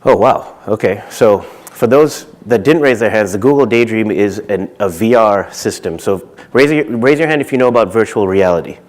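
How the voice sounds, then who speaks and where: A man's voice: fairly low pitch, animated, normal speed, few pauses. A man in his thirties, from Zimbabwe, giving a casual conference talk on stage with many fillers and restarts. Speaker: conference speaker.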